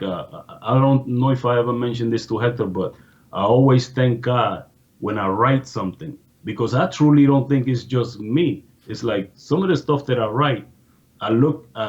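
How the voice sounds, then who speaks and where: A man who works as a music producer, a guest on a podcast, talking in an earnest, relaxed way in casual chat. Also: medium pitch, muffled recording.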